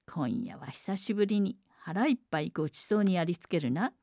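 A woman voicing a greedy male forest monster who speaks in a lowered, gruff voice and puts on false kindness. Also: expressive, brisk, warm tone, dry recording, clean studio sound. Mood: gloating.

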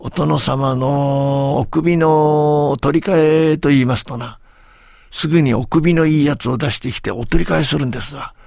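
A man's voice: on the high side, fairly even intonation, normal speed, creaky, a little mellow, dry recording, clean studio sound. A man voicing a sly, boastful village tall-tale teller who speaks with humble, servile politeness. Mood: storytelling.

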